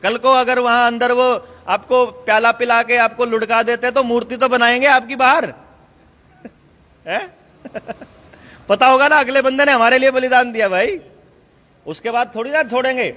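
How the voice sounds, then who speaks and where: A man with a very high, bright, forceful voice speaks to a meeting in an emphatic, conversational way, chuckling between points. His voice rings with a long reverb from the hall. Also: steady tone, unhurried. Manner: emphatic, conversational, laughs often. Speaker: speaker addressing a political meeting. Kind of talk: rousing speech to a meeting.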